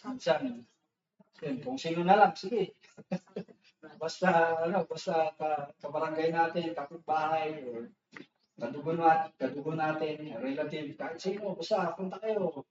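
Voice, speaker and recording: A man preaches loosely and conversationally in a church hall, mixing Tagalog and English, with many restarts and tag questions. His fairly high, darkish voice is unhurried and off-mic, captured from a distance with slight noise, echo, and a dull lo-fi quality.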